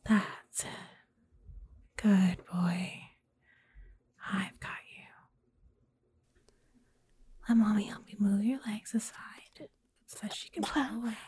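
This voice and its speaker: A woman voicing a doting, controlling motherly figure in an intimate audio roleplay, mostly whispering in a hushed, soothing way. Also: on the high side, slow pace, husky, exaggerated voice.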